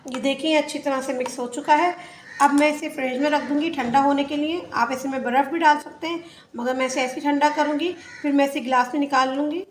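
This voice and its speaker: A woman's voice: sits high, fairly even intonation, brisk, echoey room, slight background noise. A woman hosting a cooking channel, chatting her way step by step through a home recipe. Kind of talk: casual recipe voice-over. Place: home kitchen.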